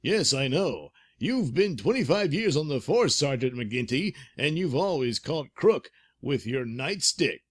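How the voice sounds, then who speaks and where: A man's voice: mid-range voice, very animated, measured pace, hardly any pauses, slightly rough. A man voicing a patient young police officer in a dry, plain tone while reading a comic aloud.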